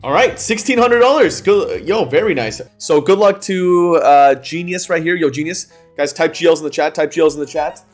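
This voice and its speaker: Casting: young male frat-bro streamer, high lively voice, excitable and repetitive, hyping gambling play. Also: moderate pace, hardly any pauses, soft background music. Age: young adult. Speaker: livestream host. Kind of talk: excited gambling livestream commentary. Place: indoor room at home.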